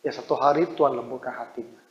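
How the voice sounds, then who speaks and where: Male pastor, conversational storyteller, mid-pitched; roomy, dull recording. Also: fairly even intonation, quick pace, gravelly. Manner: conversational, storytelling with quoted dialogue. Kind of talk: informal sermon with personal stories. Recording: roomy, dull low-fi sound.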